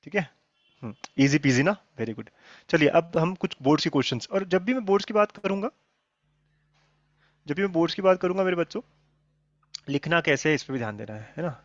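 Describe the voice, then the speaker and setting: Male tutor, fairly high voice, coaxing and checking in, dry lo-fi audio. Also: animated, a little fast, long pauses, dry recording. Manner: coaxing, checks in with students often. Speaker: maths teacher. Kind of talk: live online class. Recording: dull lo-fi sound, dry.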